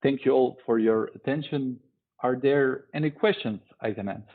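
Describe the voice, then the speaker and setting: A man giving a conference tech talk, speaking in a measured, deliberate way with pauses. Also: medium pitch. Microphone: online talk stream. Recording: tinny phone-like online stream audio.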